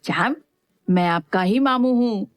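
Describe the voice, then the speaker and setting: A woman voicing a gentle, loving young man who dotes on his little nephew. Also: medium pitch, unhurried, smooth, no room sound, studio quality, lightly acted. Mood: tender. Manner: soft and affectionate.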